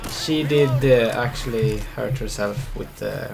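Slow, halting man in a gaming chat. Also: medium pitch, creaky, over music. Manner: halting, searches for words with many fillers. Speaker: co-player.

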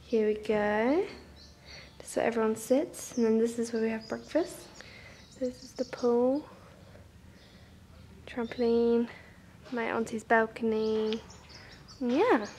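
A woman's voice: on the high side, takes it slowly, long pauses, a little mellow, big-room sound, slight background noise. A woman vlogging casually as she gives a house tour, chatty and gushing. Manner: chatty, gushing, says "so cool" often. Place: indoors at a house.

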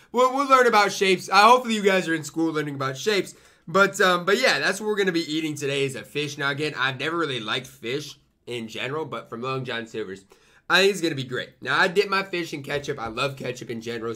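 Young man, slightly high pitch, bright voice, casual food vlogger, emphatic and repetitive. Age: young adult. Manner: talks while eating, murmuring appreciative mms; emphatic, repeats himself. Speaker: food reviewer. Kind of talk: casual food review vlog. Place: small room at home, indoors.

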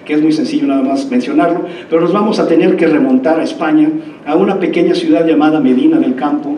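A man's voice: a little high, quick pace, warm tone, slight background noise. A Mexican man in his fifties giving a lecture, digressing into anecdotes and often checking in with his listeners. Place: lecture hall. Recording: roomy hall, mic far off.

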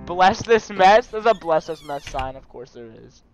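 A man playing a game with casual, playful, excitable commentary. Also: high voice, moderate pace, faint music behind. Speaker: gamer playing and voicing game dialogue. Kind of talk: casual let's play chat.

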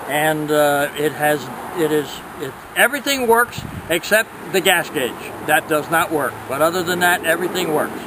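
A man's voice: on the high side, moderate pace, few pauses. An older man answering questions about his boat outdoors in a yard, matter-of-fact, recorded on a nearby camera. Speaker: boat seller. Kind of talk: casual outdoor interview. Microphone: handheld camera nearby. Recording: outdoor noise around a camera mic.

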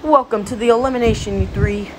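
A bossy cartoon contest host, played by a woman, announces in a fairly high voice. There is faint noise on the homemade recording. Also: steady tone, quick pace, close to an everyday voice. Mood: bossy, announcing. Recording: noisy home recording.

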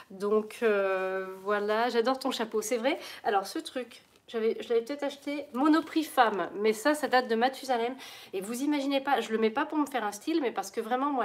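A middle-aged woman hosting a casual plant live stream, chatty and bubbly, laughing often and greeting viewers as she goes. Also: a little high.

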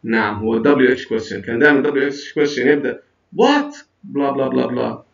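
A man's voice: mid-range voice, distant mic. A man teaching an English lesson, explaining in a mix of Arabic and English and counting his students in. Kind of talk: recorded classroom lesson. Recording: dull, roomy sound from off-mic.

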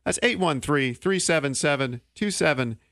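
A man in his thirties hosting a local radio talk show in a small studio, speaking into a studio mic with quick, joking delivery. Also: on the high side, animated, fairly bright tone, dry recording. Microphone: studio mic on boom arm.

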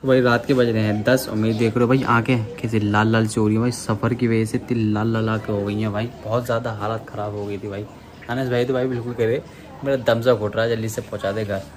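With a crowd audible behind him, a young man speaks quickly in a lowish, fairly flat voice. The talkative vlogger, recording his casual day-to-day vlog on an arm's-length phone camera, keeps calling his viewers "brother" as he moves from a rooftop outside to a small home room.

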